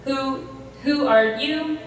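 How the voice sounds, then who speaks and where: A woman playing an earnest, newly self-aware giant robot fiddle in a stage comedy, with slow, childlike, questioning delivery. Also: sits high. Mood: bewildered. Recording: echoey noisy hall from far off.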